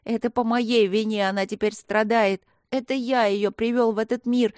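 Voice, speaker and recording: A woman voicing a desperate eleven-year-old boy who pleads and shouts in a raised voice. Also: on the high side, fairly even intonation, moderate pace, no echo, clean studio sound, voice pushed up, natural voice. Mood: guilty.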